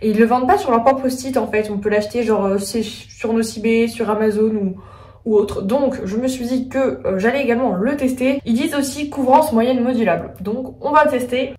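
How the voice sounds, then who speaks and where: Recorded in an echoey room, a bit distant from the microphone, a woman talks at a moderate pace through a relaxed makeup tutorial. Her fairly high voice is a little mellow, and as a chatty beauty vlogger she thinks aloud, often hesitating with "euh".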